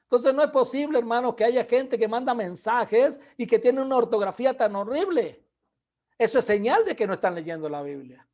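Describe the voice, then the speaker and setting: A man with a high voice delivers a sermon in an earnest, exhorting way. He speaks straight to his listeners and calls them brothers. On asides he drops to a soft, low voice. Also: lively intonation, moderate pace, lo-fi sound. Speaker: preacher.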